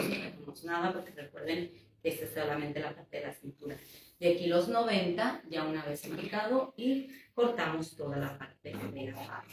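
A woman walks through a sewing tutorial step by step, patiently counting out each measurement. Her voice sits a little low, and it comes across slightly distant from the mic in a very echoey room with a faint hiss underneath. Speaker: sewing teacher.

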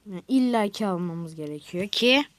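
A woman giving casual let's play commentary on a mobile game, chatting with viewers and scolding the game in slangy outbursts between quiet mutters. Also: medium pitch, expressive, normal speed, no room sound. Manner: chats with viewers, drifts into mutters and whispers. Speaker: gaming video creator.

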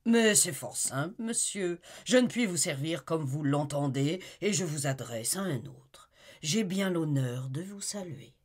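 A tyrannical husband, icily courteous one moment and shouting in fury the next, as a woman reader puts him on. The voice is husky and slow, with big leaps in pitch. It is read aloud for an audiobook. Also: lively intonation, heavily acted. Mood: icily polite. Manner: mock-polite turning to shouted rage. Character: despotic, furious middle-aged husband. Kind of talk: audiobook reading.

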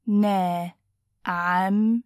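A woman teaching pronunciation, saying phrases clearly and then breaking them word by word. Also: medium pitch, fairly even intonation, a little mellow, dry recording, clean studio sound. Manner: clear, deliberate, splits phrases into single words. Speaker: language teacher. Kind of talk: slow word-by-word pronunciation drill.

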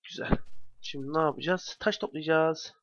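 A man's voice: fairly high pitch, moderate pace, no room sound. A young man giving casual let's play commentary, talking to himself with bursts of exasperation. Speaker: gamer commentator. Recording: dry, dull lo-fi home mic.

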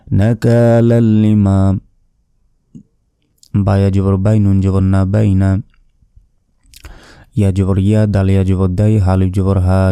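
A man teaching Quran reading, spelling out each letter and vowel mark, then reciting the verse slowly and drawn out. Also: low-pitched, dark tone, clean tone, dry recording.

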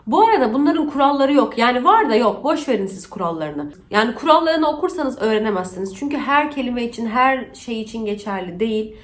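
A woman's voice: a little high, animated. Playful chatty woman teaching English. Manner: chatty, playful, teasing, quick asides. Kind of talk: casual pronunciation lesson.

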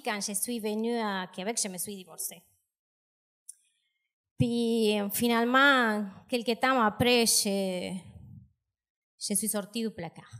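Deadpan female stand-up, unhurried, pausing before punchlines. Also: on the high side. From South America. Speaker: stand-up comedian. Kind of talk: stand-up set. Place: comedy club stage.

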